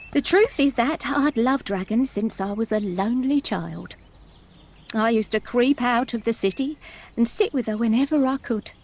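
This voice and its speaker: Theatrical princess with swooping high voice. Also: female voice, exaggerated voice. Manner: dramatic, giggly, wistful storyteller. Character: theatrical, chatty princess, fond companion of a dragon. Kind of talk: stage-comedy monologue, storytelling to a reporter.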